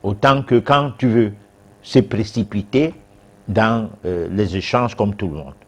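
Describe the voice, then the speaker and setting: A man's voice: on the low side, unhurried. A man, a guest expert on a TV talk show answering viewers' questions, hesitant with many fillers and restarts.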